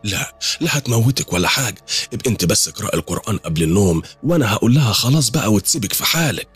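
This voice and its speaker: A man's voice: lowish voice, animated, rapid-fire, slightly rough, soft background music, voice pushed up. A man with an Egyptian accent voicing a blunt, teasing old village grandmother who scolds dryly. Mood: scolding. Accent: Egyptian Arabic.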